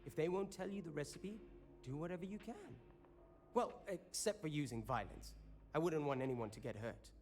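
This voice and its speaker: Man voicing a worried game café owner, earnest, hesitant, somewhat high-pitched. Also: normal speed, darkish tone, faint music behind, natural voice. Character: anxious earnest male coffee shop owner. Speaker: coffee shop owner in a video game.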